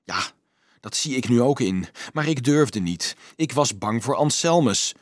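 A man voicing a frightened, guilt-ridden grown man who pleads anxiously, his voice rising high in a storybook reading. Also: animated, unhurried, no room sound, clean studio sound. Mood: confessing.

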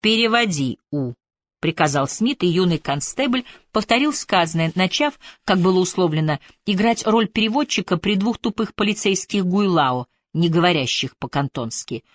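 A woman reading an audiobook in an even, measured narration. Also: lowish voice, no echo, studio quality. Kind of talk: scripted narration.

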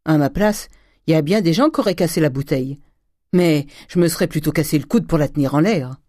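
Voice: mid-range voice, fairly quick, darkish tone, no echo, clean studio sound, natural voice. A reader voicing a blunt rustic servant woman. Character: rough loyal old female servant.

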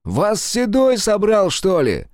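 A man's voice: high-pitched, huge pitch swings, slow, a little mellow, no room sound, clean studio sound, pitched above the performer's own voice, exaggerated voice. A man voicing a tough squad commander who taunts and interrogates a prisoner bluntly. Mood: mocking. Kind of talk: audiobook character voice.

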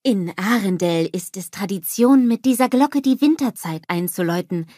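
Woman doing a calm kind young queen, soft explaining tone, dry close read. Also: mid-range voice, moderate pace, dry recording, natural voice. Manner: gentle, explaining.

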